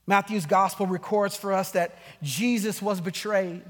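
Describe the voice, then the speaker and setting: High-voiced pastor preaching in a reverberant hall. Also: male voice, steady tone, measured pace. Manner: earnest preaching, rising to urgent calls. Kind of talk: sermon.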